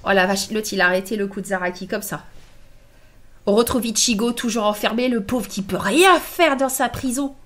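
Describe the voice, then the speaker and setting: Nasal, stuffy-nosed woman reacting excitedly. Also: medium pitch, moderate pace. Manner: excitable, exclaiming and laughing between read-out subtitles. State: stuffy nose from a cold. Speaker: anime reaction host.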